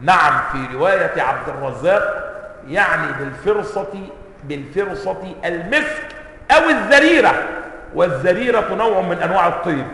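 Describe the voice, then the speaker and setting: Egyptian sheikh teaching a class, emphatic quotes, keeps checking the room; high voice, roomy echo. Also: male voice, animated, moderate pace, creaky, sharp tone. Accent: Egyptian Arabic. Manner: asks students rhetorical checking questions; reads quotations in a raised, emphatic voice. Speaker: sheikh teaching hadith commentary. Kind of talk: classroom lecture reading and explaining a text. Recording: roomy hall reverb.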